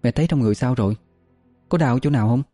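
A man voicing a gentle, worried young daughter in a narrated ghost story, speaking softly and anxiously. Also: medium pitch, very fast, soft background music, pitched above the performer's own voice, lightly acted.

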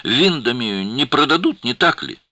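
A man voicing a composed woman who speaks in a light, high, matter-of-fact voice. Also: sing-song, normal speed, pushed and bright, no echo, muffled recording, exaggerated voice.

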